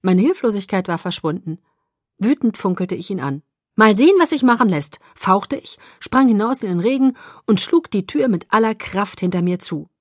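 A woman reading first-person novel narration in an audiobook, in an even, plainly told way. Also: medium pitch, normal speed, no echo, studio quality. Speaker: audiobook reader.

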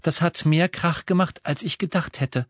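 A man's voice: fairly high pitch, moderate pace, dry recording, clean studio sound, pitched above the performer's own voice, lightly acted. A man reading an audiobook voices an odd, dreamy teenage girl who sounds only mildly interested. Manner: airy, detached.

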